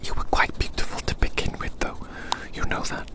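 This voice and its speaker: Slow, hushed repetition of phrases marks this outdoor ASMR roleplay, where the performer muses softly to the listener. Everything comes in a breathy, unvoiced whisper.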